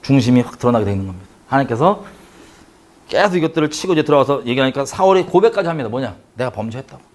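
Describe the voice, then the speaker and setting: Fast-talking Korean man teaching scripture. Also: mid-range voice, animated. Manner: fast, conversational, asks the listeners questions. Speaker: Bible study teacher. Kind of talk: Bible study sermon.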